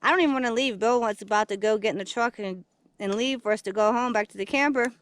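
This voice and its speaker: A woman, vlogging outdoors into a handheld camera, excitable and chatty as she talks straight to viewers. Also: a little high, quick pace, dry recording. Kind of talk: casual outdoor vlog narration. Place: outdoors at a dig site.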